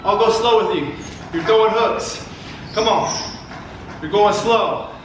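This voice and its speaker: High voiced guy boxing coach calling out combos, short punchy cues, really echoey and far from the mic. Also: slow. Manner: short barked cues and encouragement while exercising. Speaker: boxing fitness coach leading a workout. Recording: echoey room, distant mic, background noise.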